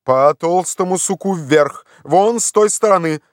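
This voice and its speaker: Man doing an obsessed gentleman, high excited shouts, commanding, dry studio audiobook. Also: unhurried, dry recording. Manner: shouting orders eagerly. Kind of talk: audiobook character voice.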